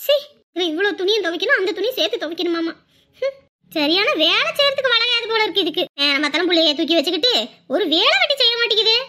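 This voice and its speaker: A woman acting a sharp-tongued, motherly aunt in a family drama skit, who grumbles and scolds but coaxes the boy she raises. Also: extremely high pitch, expressive, fast talker, exaggerated voice. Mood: grumbling. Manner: grumbling, scolding, then coaxing.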